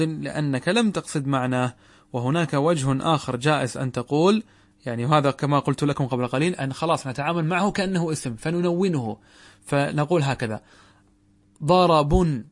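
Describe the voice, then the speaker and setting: Quick sheikh teaching grammar, kinda high voice, keeps asking the class. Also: male voice. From Saudi Arabia. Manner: asks students questions and answers them. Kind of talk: classroom lesson explaining a text.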